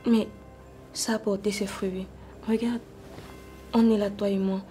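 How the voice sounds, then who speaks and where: A woman with a Cameroonian French accent playing a scheming cousin who softly tries to seduce a married man. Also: medium pitch, flat delivery, unhurried, faint music behind, natural voice. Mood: seductive. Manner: soft, coaxing, seductive.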